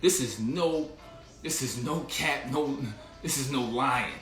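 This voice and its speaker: A man's voice: medium pitch, slow pace, a bit bright, echoey room, soft background music. A man hosting a casual livestream, telling a rambling story full of slang and restarts while greeting viewers in the chat. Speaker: livestream host.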